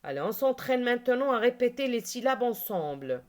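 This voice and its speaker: A woman teaching a reading lesson, saying each word slowly and clearly and asking learners to repeat after her. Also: fairly high pitch, big pitch swings. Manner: slow, clearly articulated, repeats words for learners to echo.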